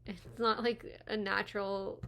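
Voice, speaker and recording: A woman's voice: medium pitch, flat delivery, measured pace, pushed and bright, slight background noise. A woman in her twenties giving chatty, giggly movie commentary and going off on tangents, speaking around new retainers.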